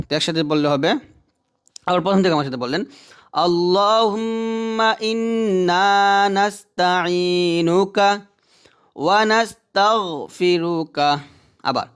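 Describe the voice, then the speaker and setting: A man teaching Quran recitation, spelling out each letter and vowel and then chanting the phrase slowly and patiently for listeners to repeat. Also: fairly high pitch, clear, resonant tone. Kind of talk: slow spelled-out recitation lesson.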